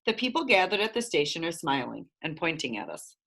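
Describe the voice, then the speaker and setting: A woman narrating a children's storybook in an expressive, lively reading voice. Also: low voice, brisk, creaky, husky.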